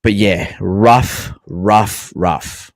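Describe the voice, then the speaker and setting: A man's voice: on the low side, extremely slow, no echo, studio quality. A man hosting a casual sports podcast, talking in a blokey, slangy, sweary way. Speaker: podcast host.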